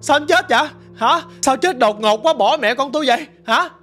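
A man's voice: very high-pitched, expressive, brisk, fairly bright tone, faint music behind, pitched above the performer's own voice. A man voicing a frantic, pleading pregnant young widow in a told ghost story. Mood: distraught. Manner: wailing, pleading.

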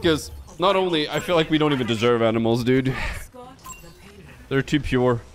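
With faint background music, a young man from Sweden whose first language is Swedish plays a game and chats casually with viewers. His mid-range voice moves at normal speed, and his talk to chat is blunt and full of swearing.

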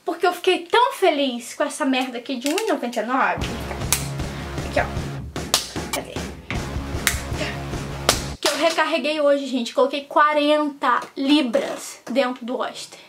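A woman's voice: high voice, a little slow, long pauses, loud music behind the voice. A young woman venting at home in a vlog, stressed and tearful, swearing and exclaiming. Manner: upset, swearing, expressive outbursts. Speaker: vlogger. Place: at home, indoors.

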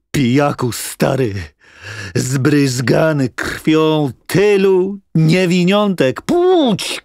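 A woman's voice: very deep voice, creaky, dry recording, studio quality, exaggerated voice. A woman playing a grieving, frantic, blind old mother in an audiobook drama, wailing and accusing. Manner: wailing, accusing, raw outbursts. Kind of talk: audiobook radio drama acting.

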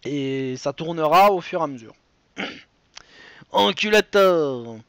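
French male quiz host, high-pitched, dry close sound, rambling and jokey. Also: normal speed, fairly bright tone, no room sound. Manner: chatty, joking asides, many restarts. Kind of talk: live-streamed quiz hosting.

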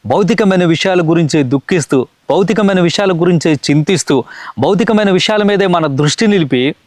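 A man's voice: a little high, no room sound. Male preacher, earnest building sermon cadence, dry booth sound.

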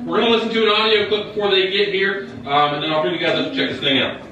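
Fast-talking male tour guide, cave echo. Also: sits high, bright, forceful tone, lo-fi sound. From Colorado. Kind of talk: guided tour announcements to a group. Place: inside a cave. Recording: echoey cave, far from mic, noisy crowd.

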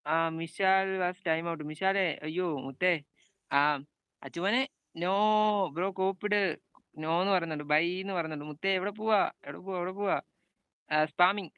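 A man's voice: sits high, a little slow, pauses often, fairly bright tone, clean tone, no echo, muffled recording. A young man with a Malayali accent streaming a football video game live, calling out plays and greeting viewers by name. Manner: chatty, calls out passes and greets viewers by name.

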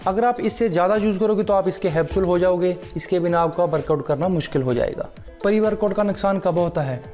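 A high-pitched, slightly mellow man talks fast over faint music. He's a young-adult fitness vlogger seated on his living room sofa, lapel mic clipped on, reviewing a fitness supplement in a friendly manner and frequently addressing viewers as friends.

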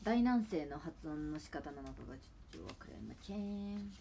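Young woman w/ chatting on stream, lowish voice, rambly, faint hiss behind. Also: expressive, normal speed. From Japan. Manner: rambling, chatty, trailing off to near mumbles. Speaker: idol livestreamer. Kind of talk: casual livestream chat.

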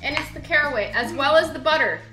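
Woman, young, high voice, chatty cooking host, echoey kitchen, music behind. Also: animated, fast, pushed and bright. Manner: chatty, upbeat, talks straight to the viewer. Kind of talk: casual cooking demonstration. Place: home kitchen, indoors.

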